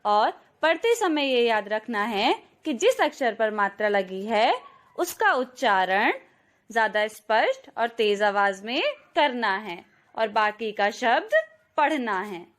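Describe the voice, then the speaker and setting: A woman teaching a slow, clear phonics lesson to young children, stretching out each syllable and often calling out to them. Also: a little high, expressive. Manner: drawn-out syllables, addresses children warmly; very slow, careful pace. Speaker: kindergarten teacher.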